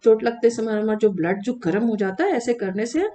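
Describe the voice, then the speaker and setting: A woman teacher giving a lesson to children, her voice sitting a little high. She stretches sounds out slowly to show how they are said, then asks the class and answers herself. A faint hum runs under the recording. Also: lively intonation, dark tone. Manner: slow, drawn-out demonstration of sounds; addresses children, asks and answers own questions. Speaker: Sanskrit teacher.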